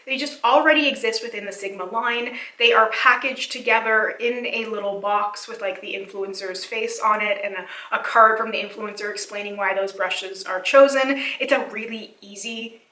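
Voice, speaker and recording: A woman giving a casual, analytical video essay commentary, chatty with many fillers, her voice slightly hoarse and cracking. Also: a little high, bright, forceful tone, roomy sound, recorded from a distance, poor audio.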